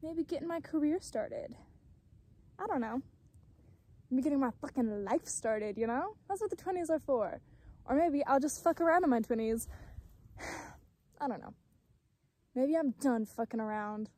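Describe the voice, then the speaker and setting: In a dry mountain meadow, a twenty-year-old woman muses aloud for her vlog, unhurried and expressive, pausing often, her high voice mellow with no room sound. The talk is casual and reflective, rambling, self-mocking and heavy on swearing. She films on a phone at arm's length, later propping it on the ground.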